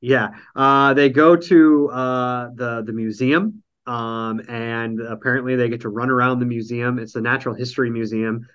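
A man's voice: medium pitch, flat delivery, moderate pace, hardly any pauses, a bit bright, smooth, dull audio. A man with a nasal voice, hosting a casual podcast chat over an online call, rambling through a recap with lots of ums and dry jokes. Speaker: podcast host recapping a reality show.

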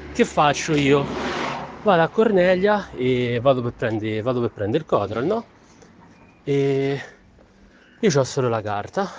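A man's voice: mid-range voice, darkish tone, highs cut off. Ranting Roman man, background hiss. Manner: heated, swearing, quotes people in quick bursts. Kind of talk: angry storytime rant. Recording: faint background noise.

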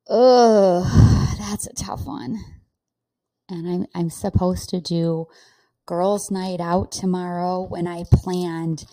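A woman's voice: medium pitch, creaky, mellow, no echo. A middle-aged woman hosting a solo podcast, talking earnestly to her listeners and laughing between thoughts. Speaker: podcast host.

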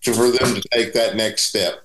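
A man's voice: fairly low pitch, fairly even intonation, normal speed, fairly bright tone, a little hiss or hum. A man co-hosting a sports show, giving casual commentary and repeating phrases emphatically to drive his points home. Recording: roomy, echoing sound.

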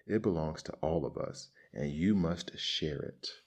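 A man voicing a stubborn male zebra who speaks slowly and firmly in a storybook tale. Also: extremely low pitch, husky, heavily acted.

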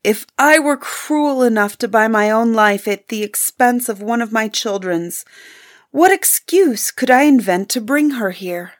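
A woman's voice: medium pitch, animated, a little slow, darkish tone, close to an everyday voice. A woman voicing a frightened, humble merchant father in a storybook, courteous and pleading. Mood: anguished. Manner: imploring, courteous, anxious. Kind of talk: storybook character voice.

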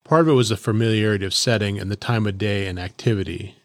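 A middle-aged man, a former police officer, telling a case story in a reflective, steady way on a podcast. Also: fairly low pitch, fast, no room sound, clean studio sound. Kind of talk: podcast commentary.

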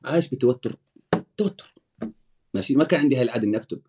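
A man's voice: medium pitch, animated, rapid-fire, background noise. A man, a motivational speaker talking in a casual chat, coaching and direct. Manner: coaching, direct, addresses listener.

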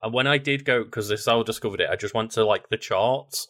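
A man co-hosting a podcast in a relaxed, rambling way, with a lowish voice. He fills his talk with "like" and swears casually. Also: fast talker. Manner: rambling, many filler likes, relaxed swearing. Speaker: podcast co-host. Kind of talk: casual chat.

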